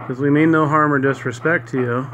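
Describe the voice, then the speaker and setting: A man's voice: mid-range voice, steady tone, fairly quick, fairly bright tone. A man casually putting short, polite questions to unseen spirits, as the host of a ghost hunt. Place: hotel room. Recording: noisy amateur recording with static hiss.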